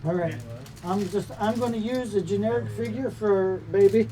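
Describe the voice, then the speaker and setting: A man narrating a tabletop game as game master in a descriptive, deliberate storytelling manner. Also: sits high. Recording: noisy room recording.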